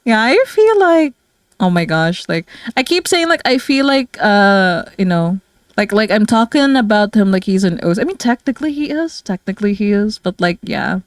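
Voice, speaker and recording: The Filipino streamer and artist has a mid-range, sing-song voice at normal speed, recorded in studio quality with no room sound. She chats casually on her livestream, giggling and rambling with many fillers.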